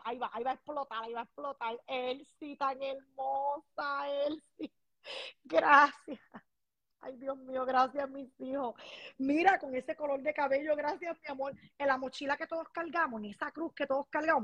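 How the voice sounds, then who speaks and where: A woman's voice: sits high, fairly bright tone, no echo, dull audio. A woman hosting a live stream, effusively thanking viewers by name and chatting casually. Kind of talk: casual live stream chat, reading comments.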